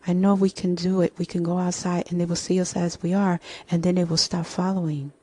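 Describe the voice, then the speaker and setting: A woman's voice: lowish voice, flat delivery, a little fast, dark tone, natural voice. A woman voicing a frantic, paranoid young woman who urgently repeats herself.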